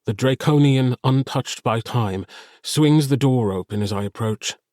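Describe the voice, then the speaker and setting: A man narrating a fantasy audiobook in the first person, telling it gently and intimately. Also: medium pitch, unhurried, no room sound, clean studio sound.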